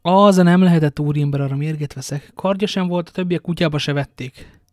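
A man's voice: fairly high pitch, darkish tone, no room sound, clean studio sound, close to an everyday voice. A man reading the part of a kindly old witness who recounts a kidnapping and reassures a young man. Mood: reassuring. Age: older.

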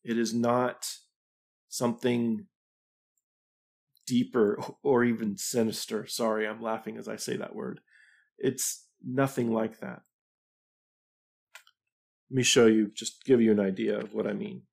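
Middle-aged male livestream host, deep-ish and unhurried, reflective, full of ums and restarts. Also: little pitch movement, vocal fry, darkish tone. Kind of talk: casual livestream talk.

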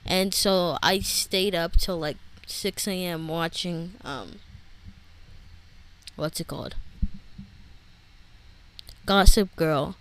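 A woman's voice: lowish voice, takes it slowly, pauses often, a bit bright, poor audio. Young woman, solo podcast host, winded, scattered chatty delivery. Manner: scattered, many fillers and restarts. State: out of breath. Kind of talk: rambling solo podcast chat.

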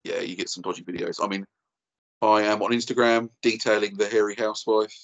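A man's voice: fairly low pitch, fairly even intonation, a little fast. A man in his thirties with an Essex accent, telling an anecdote in casual, blokey, slangy chat. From Essex, England. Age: 30s. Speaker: podcast guest and YouTuber.

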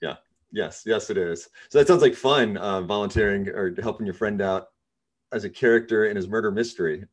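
A man hosting a podcast, interviewing his guest in a relaxed, easygoing way. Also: lowish voice, a little fast, slightly rough. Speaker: podcast host. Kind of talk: casual interview.

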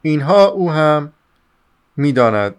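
A man reading the part of a chatty, excitable young male student in an audiobook, rambling eagerly in a smooth, clear voice. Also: medium pitch, natural voice. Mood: excited rambling. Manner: rambling, eager, talks over himself.

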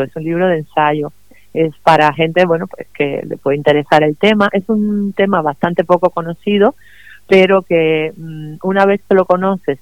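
Middle-aged woman, enthusiastic, smooth clear voice, dry slightly muffled line. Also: fairly low pitch, no room sound. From Cuba. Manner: warm, enthusiastic, laughs often. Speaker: guest writer. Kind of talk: remote radio interview.

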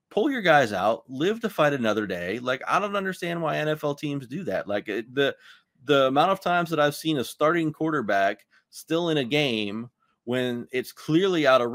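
A man's voice: fairly high pitch, fairly bright tone, no room sound, studio quality. A man co-hosting a casual sports podcast, rambling and ranting with heavy use of "like". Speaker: podcast co-host.

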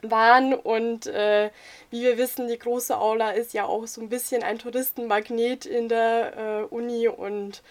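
A woman's voice: fairly high pitch, level tone, unhurried. A young adult woman chatting casually as a student participant in a podcast conversation.

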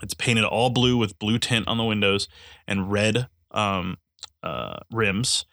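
A man's voice: lowish voice, takes it slowly, creaky, bright, forceful tone, no echo, clean studio sound. A congested man giving a casual spoken game review, eager and rambling, with many restarts. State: congested, stuffy nose.

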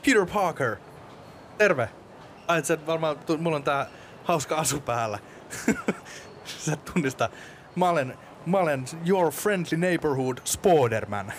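A man's voice: fairly high pitch, animated, slight background noise, voice pushed up. A man voicing a goofy, short, boastful knockoff superhero in a raised, chipper put-on voice. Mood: cheerful.

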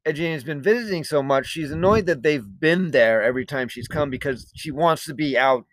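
Male co-host, slightly high voice, loose and rambly, swears a bit, dry close mic. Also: a little fast, a bit bright, no echo, rough recording. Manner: rambling, with frequent fillers and casual swearing. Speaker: podcast co-host. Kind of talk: casual book-club podcast chat.

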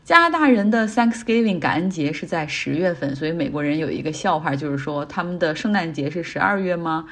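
A woman's voice: low-pitched, expressive, a little fast, few pauses, a bit bright. A middle-aged woman hosting a casual talk podcast, chatting and explaining English words in Chinese as she goes. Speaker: podcast host. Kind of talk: casual commentary.

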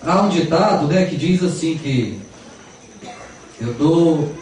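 A man's voice: a little high, lively intonation, slow, a little mellow. A man with a Brazilian accent giving an earnest sermon and telling a parable, stressing key words by repeating them, recorded as an echoey hall sound from far off. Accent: Brazilian Portuguese. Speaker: spiritist lecturer.

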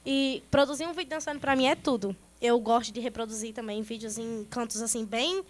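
A woman's voice: a little high, steady tone, a little fast. A woman, a dancer talking as a guest on a podcast in an informal, chatty way. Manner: informal, chatty, self-described nervous. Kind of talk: casual interview chat.

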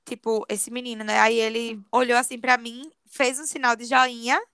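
A woman telling a personal story to a friend in a confiding, animated way. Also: a little high, normal speed, background noise. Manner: animated confiding storyteller, often says "amiga". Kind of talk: casual storytelling chat.

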